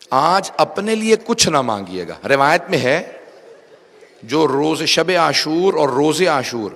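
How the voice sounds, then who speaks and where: A man with a Pakistani Urdu accent preaching a mourning sermon, acting out the people in his story and rising from soft storytelling to loud cries. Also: medium pitch, vocal fry, big-room sound. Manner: dramatic, voices figures in quoted speech, rises to loud cries. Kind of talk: Shia majlis sermon.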